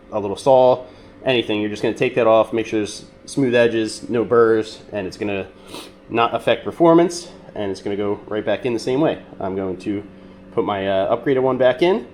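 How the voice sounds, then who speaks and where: A man with a nasal, congested voice from being sick, calmly walking through a repair step by step with frequent ums and uhs. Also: on the low side, slight background noise. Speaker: mechanic demonstrating a repair. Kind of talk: casual how-to demonstration.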